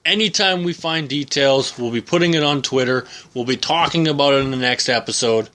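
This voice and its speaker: A man co-hosting a casual podcast, throwing in quick jokes and teasing quips. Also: mid-range voice, bright, forceful tone. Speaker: podcast co-host.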